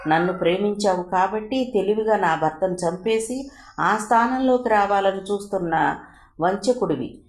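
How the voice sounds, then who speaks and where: A woman's voice: medium pitch, normal speed, close to an everyday voice. A woman reading the lines of a grieving young wife who turns bitter and accusing. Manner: accusing, emotional. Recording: echoey room.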